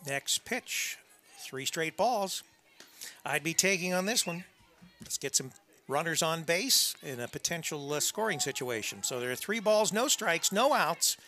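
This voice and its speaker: A man giving conversational, unscripted play-by-play softball commentary with folksy asides. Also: on the high side, animated, measured pace. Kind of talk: unscripted live sports commentary. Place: press box at a college softball field.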